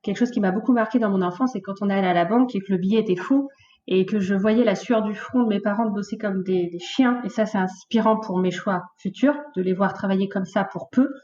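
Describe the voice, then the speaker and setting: A woman in her late thirties, a podcast guest, telling her life story in a lively, casual way with many fillers. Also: mid-range voice, fairly quick, highs cut off, a little hiss or hum. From France, of Portuguese origin. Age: late 30s. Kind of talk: casual conversational interview.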